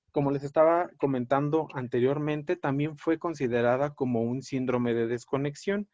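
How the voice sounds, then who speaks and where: A man's voice: mid-range voice, darkish tone, dry recording. Man giving a dry lo-fi lecture. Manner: explanatory, with frequent fillers and self-corrections. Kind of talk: recorded clinical lecture. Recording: dry, dull lo-fi audio.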